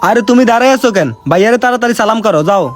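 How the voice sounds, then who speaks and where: A man acting out a nervous, evasive younger brother who rushes hesitantly through his words. He is heard from a distance, and music plays clearly underneath. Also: extremely high pitch. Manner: hesitant, hurried.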